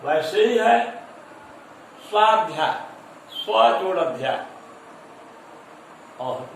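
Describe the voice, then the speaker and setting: A man's voice: sits high, expressive, slow pace. A man giving a classroom lecture, listing points one by one and stressing syllables to show pronunciation. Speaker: teacher-training lecturer. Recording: echoey room from far off, faint noise.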